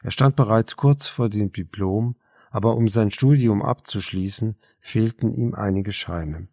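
Low, gravelly male audiobook narrator. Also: a little slow, mellow, dry recording, studio quality. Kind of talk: scripted narration.

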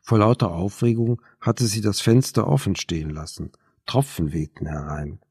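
A man reading a novel aloud as narrator, measured and even. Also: sits low, husky, no echo, studio quality. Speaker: audiobook narrator. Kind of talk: scripted narration.

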